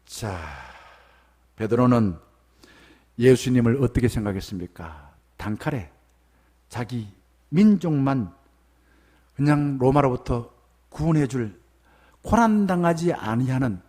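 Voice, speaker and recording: A male pastor preaching a sermon in an animated way, acting out the quoted lines. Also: mid-range voice, measured pace, long pauses.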